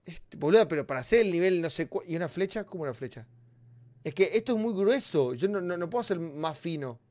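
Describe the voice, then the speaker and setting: A young man with an Argentine accent playing a puzzle game on stream, excitable, muttering to himself and then bursting out loudly. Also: fairly high pitch, fast talker. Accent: Argentine Spanish. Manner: excitable, swinging between muttering to himself and loud outbursts. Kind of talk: casual gameplay chat.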